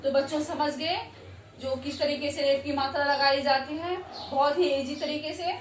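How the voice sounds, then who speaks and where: High-voiced woman teaching in an echoey room. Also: steady tone, distant mic, slight background noise. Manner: repeats words slowly and checks understanding often. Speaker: Hindi teacher. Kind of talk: classroom lesson for children.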